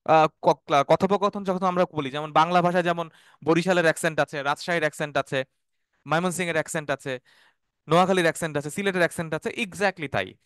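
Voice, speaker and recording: A man's voice: fairly high pitch, fairly bright tone, clear, resonant tone, no echo. Man, Arabic teacher, online class, repeats words, dry close sound. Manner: explains slowly, repeats terms, checks "ঠিক আছে?"; has students repeat words after him.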